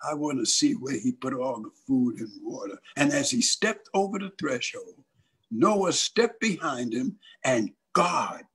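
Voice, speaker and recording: A man's voice: medium pitch, husky. An older male evangelist pastor telling a dramatic storytelling sermon and acting out the voices.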